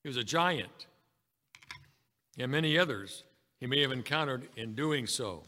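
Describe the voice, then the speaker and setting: A man's voice: mid-range voice, animated, a little slow, sharp tone, long reverb tail. A man preaching a sermon, reading scripture aloud and calling his congregation brethren.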